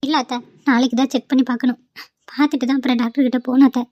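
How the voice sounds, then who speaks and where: Lady doing a weepy young daughter-in-law in a cartoon, high pleading voice, dry dull sound. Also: little pitch movement, very fast, mellow, dry recording, lightly acted. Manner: pleading, tearful.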